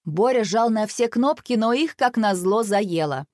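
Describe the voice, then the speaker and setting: A woman reads a children's storybook aloud, expressive and animated throughout. Her voice sits on the higher side and rises and falls widely. The recording is dry and close to the mic. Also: measured pace, dry recording. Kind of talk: storybook reading.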